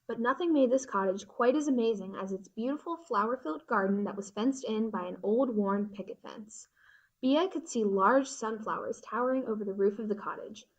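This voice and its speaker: A woman narrating a storybook in an expressive, descriptive reading. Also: a little high, highs cut off.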